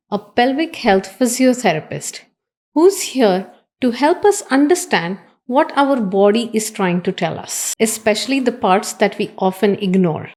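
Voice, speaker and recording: A woman's voice: medium pitch, darkish tone. A woman hosting a podcast, delivering a scripted welcome and then interviewing her guest. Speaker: podcast host.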